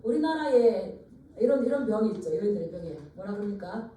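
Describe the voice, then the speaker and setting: A woman's voice: mid-range voice, lively intonation, a little fast, warm tone, a little hiss or hum. A woman pastor giving an earnest sermon, leading the congregation in repeated phrases. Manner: earnest preaching with call-and-response repetition. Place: church sanctuary. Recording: echoey church from far off.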